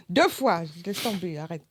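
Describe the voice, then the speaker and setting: A middle-aged woman telling a funny story to her son in a casual family chat, dramatic and lively, acting out other people's lines. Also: lowish voice, unhurried, heavy background noise. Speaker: mother of the host, guest.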